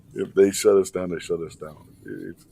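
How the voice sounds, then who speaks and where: A man hosting a show with casual film commentary in an animated, sweary, mocking manner. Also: sits low, gravelly, slight background noise. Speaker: show host.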